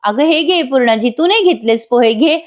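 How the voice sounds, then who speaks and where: A woman's voice: high-pitched, expressive, normal speed, voice pushed up. A woman voicing a scheming young woman who talks sweetly and fakes kindness. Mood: sugary.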